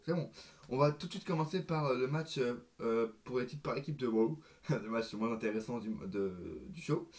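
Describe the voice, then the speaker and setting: Hoarse eager man vlogging. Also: medium pitch. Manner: eager, hesitant, many fillers. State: hoarse, voice nearly gone. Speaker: wrestling fan vlogger. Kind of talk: casual predictions vlog.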